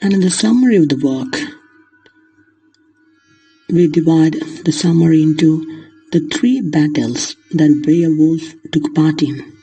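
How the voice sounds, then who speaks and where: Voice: mid-range voice, a little slow, long pauses, mellow, husky, faint music behind, poor audio. A lecturer explaining literature in the manner of a lesson, glossing terms in simple words along the way.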